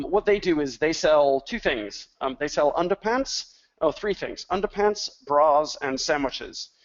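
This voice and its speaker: A man's voice: mid-range voice, highs cut off. A man speaking as an industry analyst on a webinar, rambling, with many fillers and restarts. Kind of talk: webinar talk.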